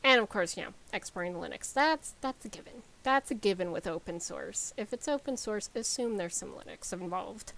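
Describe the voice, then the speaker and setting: A woman game developer talking casually on a live stream, rambling with lots of ums and likes as she explains software. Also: medium pitch, lively intonation, a little fast, few pauses, low-quality recording.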